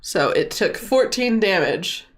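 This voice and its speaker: Woman game master, slow easygoing pace, chatting through a tabletop game. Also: mid-range voice, expressive. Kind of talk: casual tabletop game narration.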